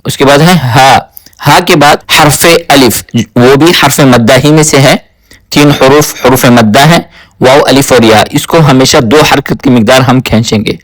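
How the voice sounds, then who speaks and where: Man, tajweed lesson, slow methodical explanation, repeated chanted words, mid pitch. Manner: patient, slow and methodical, repeats each word several times; spoken explanation alternating with melodic chanted recitation. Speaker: Quran recitation teacher. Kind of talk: word-by-word tajweed pronunciation lesson.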